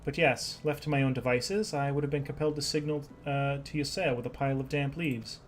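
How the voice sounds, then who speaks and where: A man's voice: medium pitch, fairly even intonation, brisk, slight background noise, natural voice, poor audio. A man reading aloud the lines of an earnest young male noble scholar from a game, in a plain voice with small stumbles.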